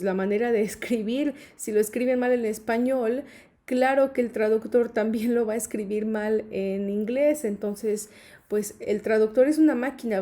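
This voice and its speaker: A woman teaches English grammar in a patient, repetitive way, checking in often with her students. Her voice sits a little high but sounds mellow and warm. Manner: patient, repeats points with "¿sí?" and "¿ok?". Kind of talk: explaining grammar.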